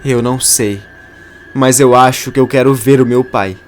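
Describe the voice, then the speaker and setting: A man's voice: mid-range voice, steady tone, moderate pace, faint music behind, natural voice. A man voicing a grieving, determined young daughter in a narrated soap opera summary.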